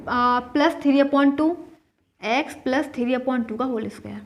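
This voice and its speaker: A woman's voice: sits high, moderate pace. A woman gives a board-work maths lesson. She talks through each step and keeps asking and answering her own questions. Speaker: maths teacher.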